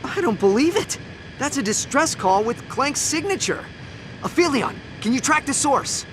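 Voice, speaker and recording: An actor playing a determined young alien hero in a video game, earnest and urgent. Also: male voice, very high voice, sing-song, moderate pace. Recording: loud engine and battle noise.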